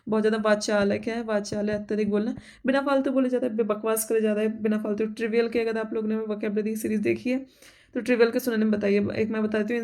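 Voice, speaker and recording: A woman with an Indian English accent teaching vocabulary for exams, repeating each word and asking herself quick questions. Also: medium pitch, darkish tone. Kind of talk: exam-prep vocabulary lesson.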